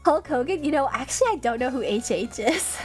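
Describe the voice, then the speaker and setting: A woman's voice: high voice, animated, fairly quick, faint music behind. A young woman streamer with a stuffed-up nose, chatting and giggling as she reads fan messages. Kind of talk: casual live-stream chat.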